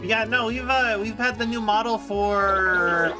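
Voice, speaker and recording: A woman's voice: a little high, unhurried, rough recording. A woman chatting casually on a game livestream as a VTuber, with a cute, upbeat anime-streamer delivery. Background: game music.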